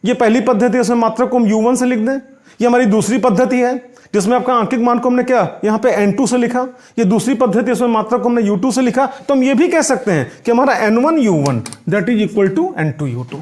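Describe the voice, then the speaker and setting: A man's voice: very high-pitched, brisk, darkish tone. A man, teaching a physics lesson and checking in with rhetorical questions. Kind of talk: explanatory classroom lesson.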